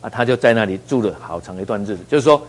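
A middle-aged man leading a Bible study, reading scripture slowly and then explaining it in a chatty way full of fillers. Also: fairly low pitch. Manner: conversational, with many fillers and a tagged "哈".

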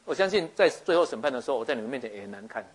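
A man giving a lively sermon, acting out scenes and often checking that his listeners follow. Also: mid-range voice, rapid-fire, husky. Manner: animated, acts out scenes, keeps asking listeners if they follow. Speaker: preacher.

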